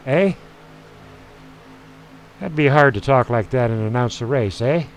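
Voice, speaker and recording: A man calls an online sim truck race in a folksy, chatty way, dropping asides between calls. His medium-pitched voice moves fairly quickly, and the poor audio carries a little hiss or hum.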